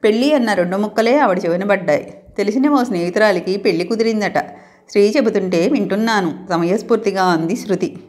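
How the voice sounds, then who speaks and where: A woman reading a romantic story aloud as the channel's storyteller, expressive and voicing the dialogue with feeling. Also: mid-range voice, brisk.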